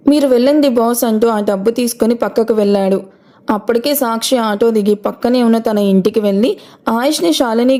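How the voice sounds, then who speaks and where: A woman narrating an audio story in a steady storytelling voice. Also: mid-range voice.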